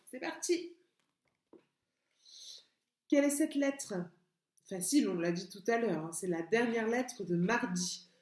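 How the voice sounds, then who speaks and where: A woman teacher leads young children through spelling, stretching out each sound and syllable with great patience. Her pace is unhurried and deliberate, and her voice carries a noticeable room echo, as if recorded on a laptop at home. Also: mid-range voice, lively intonation, a little mellow, a little hiss or hum. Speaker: kindergarten teacher. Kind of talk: remote literacy lesson for young children. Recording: echoey room.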